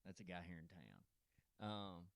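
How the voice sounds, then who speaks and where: A man's voice: low voice, very animated, unhurried, vocal fry, dry recording. A man hosting a podcast, talking in a rambling way and laughing easily. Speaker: podcast host. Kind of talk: casual chat. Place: podcast studio.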